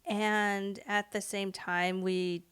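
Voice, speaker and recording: A woman's voice: medium pitch, level tone, takes it slowly, fairly bright tone, clear, resonant tone. Wry, long-winded woman podcast co-host. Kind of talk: casual chat.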